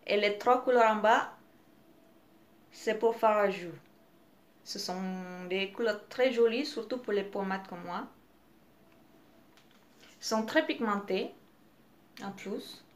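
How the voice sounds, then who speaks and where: A woman's voice: mid-range voice, takes it slowly, pauses often. A young woman, not a native French speaker, reviewing makeup in a casual vlog, hesitant, with many fillers and restarts. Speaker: beauty vlogger.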